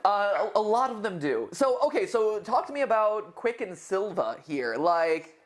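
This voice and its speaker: A man hosting a casual live-stream chat, playful and quick to tease, stumbling through restarts. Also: high voice, very animated. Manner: playful, stammering restarts, laughs often. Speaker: host.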